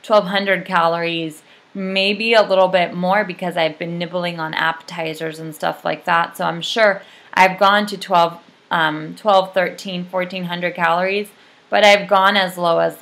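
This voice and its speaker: A woman's voice: fairly low pitch, flat delivery, moderate pace, fairly bright tone. A young adult woman giving a casual, rambling video update, full of ums and likes. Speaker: vlogger.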